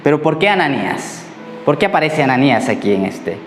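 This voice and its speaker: Pastor preaching in an echoey church. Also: male voice, a little high, sing-song, fairly quick, soft background music. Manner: conversational preaching, often asks "¿Ok?". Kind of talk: sermon. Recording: echoey church hall, faint ambience.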